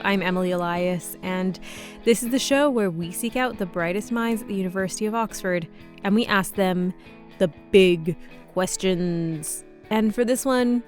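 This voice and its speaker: A woman's voice: mid-range voice, moderate pace. Playful female podcast host over faint guitar. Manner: playful, upbeat presenting. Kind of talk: scripted podcast intro and interview questions.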